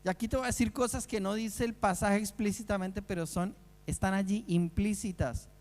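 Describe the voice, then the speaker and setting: A man's voice: high voice, fairly even intonation, normal speed, darkish tone, in a large hall. A man preaching a sermon as pastor, emphatic, repeating key phrases and putting rhetorical questions to the congregation. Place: church sanctuary.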